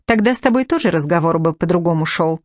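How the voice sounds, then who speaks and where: A woman's voice: on the low side, animated, fast talker, a little mellow, no room sound, natural voice. A woman reading the part of a spiteful young second wife in an audiobook, taunting and cutting, in a dry recording. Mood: scornful.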